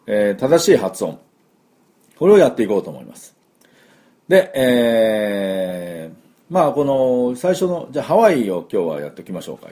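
Male school principal, middle-aged, casual lesson host, fillers and drilled sounds, low animated voice. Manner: chatty, many fillers, repeats sounds for drill. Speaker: English school principal teaching pronunciation.

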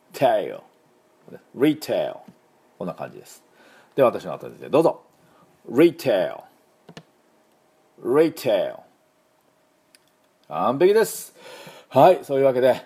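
A middle-aged man, a native Japanese speaker, teaching English pronunciation and slowly drilling words for learners to repeat. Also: fairly low pitch, mellow. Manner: slow, drilling repetition of words. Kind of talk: pronunciation lesson.

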